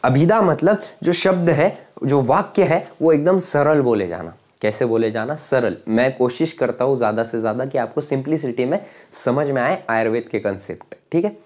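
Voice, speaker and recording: A man's voice: medium pitch, normal speed, darkish tone. Man teaching, checking in constantly. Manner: repeats "ठीक है?" checks often, explains with everyday examples. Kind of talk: explanatory lecture. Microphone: speaking to camera.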